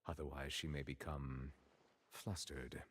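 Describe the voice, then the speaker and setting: Un juge grave et très courtois. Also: male voice, very deep voice, fairly even intonation, breathy edge, exaggerated voice. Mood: courteous, calm. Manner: formal, courteous, measured. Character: dignified, reserved male chief justice. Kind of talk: video game voice acting. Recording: game audio with faint hiss and long reverb.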